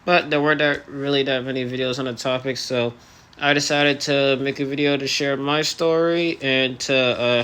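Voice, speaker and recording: Male, 18, medium pitch. Earnest, hesitant personal vlogger, articulation a little restricted at the jaw. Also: fairly bright tone. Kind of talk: personal vlog monologue to camera.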